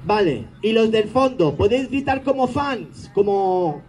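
A man's voice: sits high, very animated, measured pace, noisy background. A man doing stage comedy, teasing the audience in a sarcastic, mock-grumpy way.

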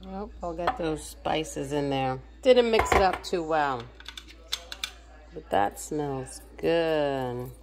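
Background noise surrounds a low-pitched, expressive, creaky voice as an American home cook vlogger slowly talks through each step of her meal prep. She's cooking in her own kitchen and keeps it casual.

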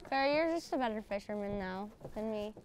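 A young woman vlogging from a fishing boat outdoors, excitable and cheering at each catch, recorded on an action camera. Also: medium pitch, a little fast, slight background noise. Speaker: vlogger, angler. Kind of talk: excited fishing vlog chat.

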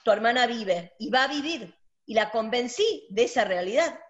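A woman co-hosting a radio talk, telling stories in an emphatic, animated way. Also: on the high side, normal speed. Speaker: doctor and radio co-host. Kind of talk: casual spiritual talk. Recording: dull lo-fi audio.

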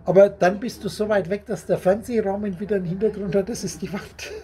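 A man's voice: high voice, fairly even intonation, fairly quick, warm tone. A man giving a rambling, repetitive spiritual talk to a small group at a meeting, often laughing as he speaks.

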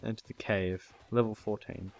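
Low-voiced man cursing through a game. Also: steady tone, moderate pace, gravelly, a little mellow, a little hiss or hum. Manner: swears freely, laughs often, reads game text aloud. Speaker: gamer host. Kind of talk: casual gaming commentary.

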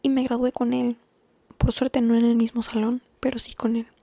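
A young woman with a Mexican accent spins a casual story, often dropping to a soft half-whisper. Her voice sits high but has a mellow, fry-edged grain. It is recorded close and dry, with no room sound. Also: flat delivery, moderate pace, no room sound. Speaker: vlogger.

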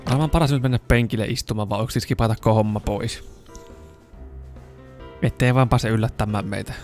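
A young man with a Finnish accent giving casual let's-play commentary, swearing and yelling whenever the game turns dangerous. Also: lowish voice, soft background music. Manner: excitable, swears and yells when in danger. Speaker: gaming YouTuber.

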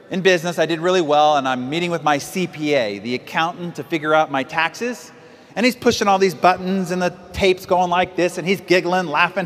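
High-voiced man speaking in a big hall. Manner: energetic, direct, peppered with rhetorical questions. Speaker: motivational speaker. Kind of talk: motivational stage speech. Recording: long reverb of a large hall.

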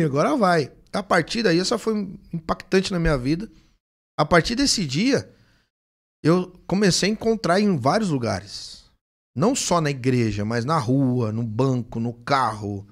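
A man, a pastor telling his testimony in animated, casual conversation and acting out the dialogue. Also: fairly high pitch, vocal fry. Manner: animated storytelling, acts out dialogue.

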